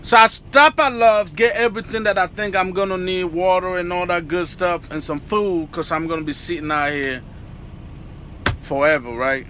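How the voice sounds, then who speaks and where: Parked in his truck cab, a young man holds his phone at arm's length and vlogs in a loose, chatty, slang-filled way, speaking straight to his audience. His high voice is steady and sharp at a normal speed, with a little hiss or hum in the audio.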